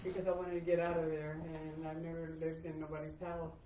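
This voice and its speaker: A woman from Florida sharing her story in a church group, quick and grateful. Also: low-pitched, level tone, mellow, slight background noise. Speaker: group member. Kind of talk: personal sharing. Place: meeting room. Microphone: far camera. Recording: echoey room, distant and dull.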